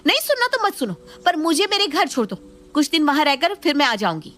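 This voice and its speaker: A woman's voice: high voice, fairly quick, pitched above the performer's own voice. Woman voicing an indignant young wife. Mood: angry. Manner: sharp, indignant.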